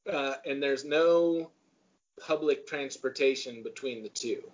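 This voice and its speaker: A man's voice: medium pitch, unhurried. A man co-hosting a podcast, chatting casually in a rambling way with dry jokes and laughs, from Vermont. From Vermont, USA. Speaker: podcast co-host. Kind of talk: casual chat. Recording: dull lo-fi sound.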